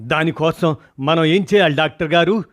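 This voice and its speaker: A man's voice: fairly high pitch, normal speed, a bit bright, pitched above the performer's own voice, close to an everyday voice. A man voicing an older woman urgently calling out to her unconscious husband at his hospital bed. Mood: urgent, pleading. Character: pleading wife of a dying man, older woman.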